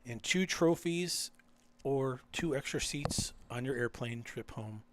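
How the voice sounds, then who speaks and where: Male poker commentator, mid-pitched, dry teasing banter. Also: slow, background noise.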